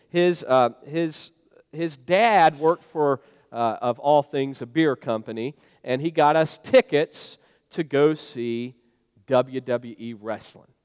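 A pastor preaches a sermon in a conversational, storytelling style, using frequent fillers. His smooth, fairly high voice echoes with long reverb in a church sanctuary.

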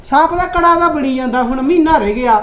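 A woman with an Indian Punjabi accent playing a boastful, scheming middle-aged village husband who bickers with rapid comebacks. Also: high-pitched, fairly bright tone. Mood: bickering. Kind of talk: comedy skit acting.

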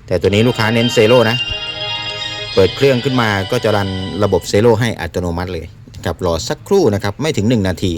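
A man's voice: on the low side, a little fast, over music. A man giving a casual product demonstration as a seller. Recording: faint background noise.

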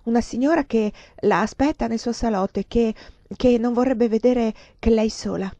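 A woman's voice: fairly high pitch, normal speed, mellow, dry recording, voice pushed up, lightly acted. A woman doing a trembling, hesitant maid. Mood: nervous. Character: frightened young female servant, stammering. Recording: dull lo-fi dry recording.

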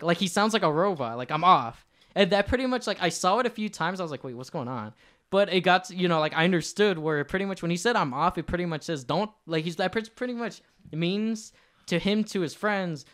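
A man's voice: sits high, fairly bright tone. A young man co-hosting a casual podcast, telling a story in a rambling way, full of fillers and asides. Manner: rambling, many fillers and laughs. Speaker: podcast co-host.

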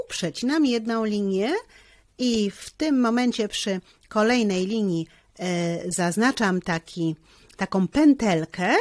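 A woman teacher who guides children through a handwriting lesson step by step, talking slowly and often pausing with fillers. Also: medium pitch, no room sound. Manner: slow, step-by-step instruction with frequent hesitation fillers.

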